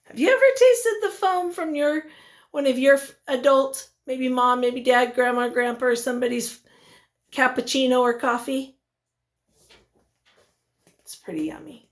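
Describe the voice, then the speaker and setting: Stopping occasionally to question her young audience, a woman teacher reads from a picture book with plenty of expression. She speaks in a high voice.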